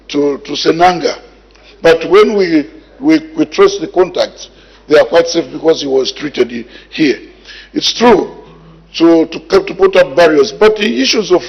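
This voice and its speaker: A man, a health minister giving a measured parliamentary answer, repeating words as he thinks. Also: on the high side, gravelly, slightly rough. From Zambia. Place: parliament chamber. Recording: dull lo-fi broadcast sound.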